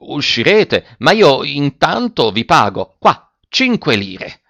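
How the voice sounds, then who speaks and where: A man's voice: fairly high pitch, very animated, slow pace, bright, forceful tone, dry recording, pitched above the performer's own voice, heavily acted. A fussy, stingy landowner, as a man puts him on, scolds and frets aloud. His raised voice leaps up and down as he talks, and it sounds close and dry.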